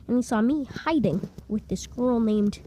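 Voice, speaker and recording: Slow, rambling woman telling a story. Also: fairly high pitch, noisy background. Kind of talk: improvised comic story.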